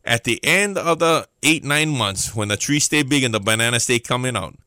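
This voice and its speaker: A man's voice: mid-range voice, expressive, moderate pace, pushed and bright, clean tone, no room sound, studio quality. A man preaching in a Hawaiian Pidgin accent, telling a folksy story and asking his listeners questions. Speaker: pastor. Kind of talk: storytelling sermon to a listening audience.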